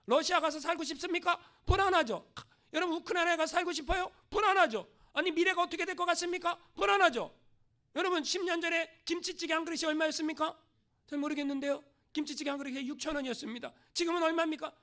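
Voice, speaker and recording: Male preacher, emphatic sermon delivery, animated pitch swings, bright. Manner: rhetorical questions, emphatic preaching. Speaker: pastor.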